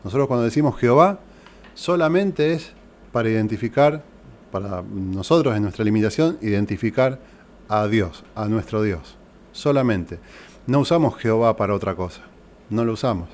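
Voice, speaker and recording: A man's voice: lowish voice, expressive, moderate pace, a little mellow, slight background noise. A man with an Argentine accent preaching in a church, explaining things step by step and posing rhetorical questions to the congregation. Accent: Argentine Spanish. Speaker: pastor. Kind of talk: sermon teaching. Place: church hall.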